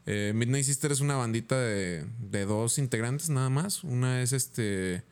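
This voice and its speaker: A young man with a Mexican Spanish accent, co-hosting a podcast in an easygoing, slang-heavy way. His voice has a middle pitch, and he speaks casually, without any rush. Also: expressive, unhurried, darkish tone, smooth. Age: young adult. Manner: laid-back, heavy slang. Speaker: podcast co-host. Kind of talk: casual chat.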